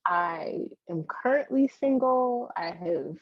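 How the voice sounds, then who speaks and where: A woman from Guyana chats as a guest on a podcast, playful and easygoing. Her voice is low and husky. The sound is dry and a bit dull. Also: lively intonation, takes it slowly, no room sound. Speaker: guest author. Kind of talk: casual podcast chat.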